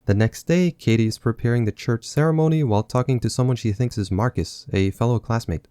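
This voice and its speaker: A man's voice: mid-range voice, a little fast, dark tone, clear, resonant tone, no room sound. A man recapping a film with sarcastic, mocking asides. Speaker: film reviewer. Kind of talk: sarcastic movie recap commentary.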